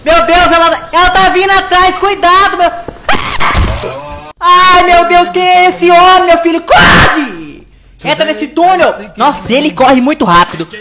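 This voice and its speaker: A woman hosting a reaction video, excitedly yelling warnings and advice at what she watches. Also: extremely high pitch, a little slow, over loud music. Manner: excitable, yells advice at the screen. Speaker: reaction channel host.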